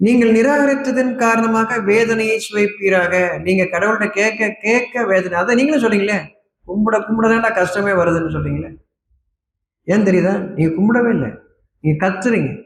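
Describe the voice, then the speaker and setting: A male preacher with a high-pitched voice delivers a sermon that scolds and questions his listeners. The sound is roomy and echoey, with a faint hum of ambient noise underneath. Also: a little fast.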